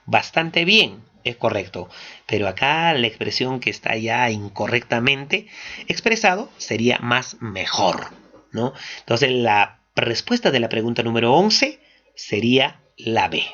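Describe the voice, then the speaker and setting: A man's voice: mid-range voice, measured pace. A man teaching, walking through exam questions one by one, asking and answering his own questions. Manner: steady explanatory, asks and answers own questions. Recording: dull lo-fi recording.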